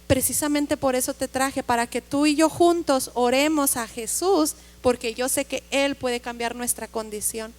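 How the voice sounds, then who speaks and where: A woman's voice: sits high, steady tone, normal speed, few pauses, long reverb tail, lightly acted. A woman preacher voicing an earnest poor preacher. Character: poor, faithful male street preacher.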